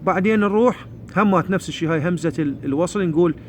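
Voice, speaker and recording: A man with an Iraqi Arabic accent and a fairly high voice teaches Quran recitation. He explains plainly and recites each verse slowly. There is a faint hiss of noise behind him. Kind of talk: spoken tajweed lesson.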